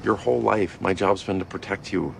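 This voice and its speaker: An actor playing a loving sitcom father, speaking tenderly and haltingly to his teenage daughter. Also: sits low, gravelly, a little hiss or hum. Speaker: father character in a sitcom clip. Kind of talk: sitcom acting.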